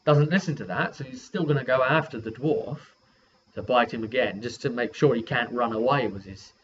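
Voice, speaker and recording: Speaking at an average pitch and normal speed, a game master loosely retells a role-playing session, wandering as he goes and voicing the characters' lines informally. The recording sounds dull and lo-fi, with faint noise behind him.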